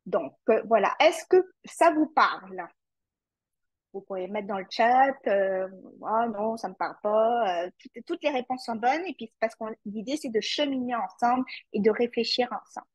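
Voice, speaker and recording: A woman's voice: fairly high pitch, animated, normal speed, husky, no echo, poor audio. A woman with a French accent presenting a webinar as a climate consultant, speaking directly to her audience with frequent hesitations and fillers. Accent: French (France).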